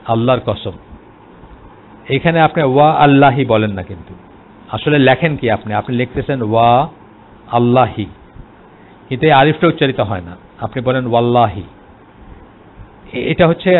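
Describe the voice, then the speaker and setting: A man with a Bangladeshi Bengali accent giving an explanatory religious lecture, hesitant, with many filler sounds and English words mixed in. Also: mid-range voice. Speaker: Islamic lecturer. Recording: tinny phone-like line, faint noise.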